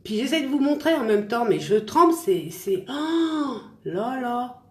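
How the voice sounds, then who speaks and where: Her voice sits high, with lively intonation, a darkish tone, and a slightly slow pace, all in an echoey room. This makeup vlogger chats with viewers during a casual livestream tutorial, applying a look and joking about herself.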